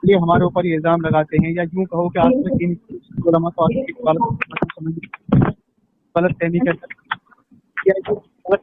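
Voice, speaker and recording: A man's voice: on the high side, animated, measured pace, very noisy. A man arguing in a heated religious debate over a phone call that keeps dropping out, his voice breaking up. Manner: insistent, demands silence while he reads. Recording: tinny phone line, dry.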